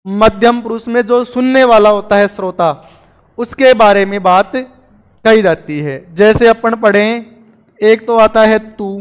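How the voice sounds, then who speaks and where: A man gives a classroom grammar lecture in a high, smooth, resonant voice. He keeps the tone chatty and breaks in with joking asides to his students. The recording has a long, hall-like reverb. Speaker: teacher.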